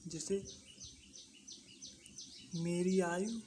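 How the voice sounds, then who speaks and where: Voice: mid-range voice, fairly even intonation, extremely slow, warm tone, a little hiss or hum. A maths teacher explaining a lesson to exam students, repeating each point and asking and answering their own questions.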